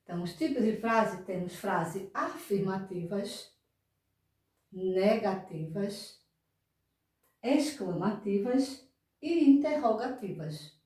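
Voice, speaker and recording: Slow, patient Brazilian teacher in echoey room. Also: female voice, medium pitch, recorded from a distance. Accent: Brazilian Portuguese. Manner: patient, repeats points and checks with "né?" and "não é?". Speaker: primary school teacher. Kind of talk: slow, deliberate remote grammar lesson for young children.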